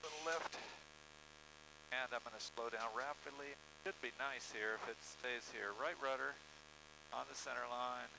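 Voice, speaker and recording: A man's voice: medium pitch, steady tone, moderate pace, gravelly. A man, a student pilot, talking casually and calling out steps to himself in clipped phrases over an aircraft intercom. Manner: murmurs checklist steps aloud in clipped phrases. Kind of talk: casual chat and self-talk while flying. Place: inside a small aircraft. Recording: humming aircraft cockpit intercom, engine noise.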